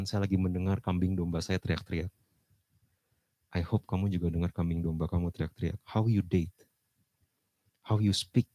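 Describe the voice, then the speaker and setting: A male pastor preaching casually, dropping English phrases into slang and jumping to loud emphasis. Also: deep voice, dry recording. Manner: lively, with sudden loud emphasis. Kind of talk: sermon.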